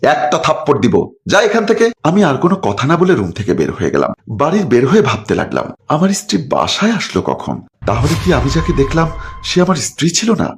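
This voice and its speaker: A man's voice: medium pitch, wildly swooping pitch, brisk, slight background noise. A man narrating a dramatic family story and voicing every character. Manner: emotive, voices all characters.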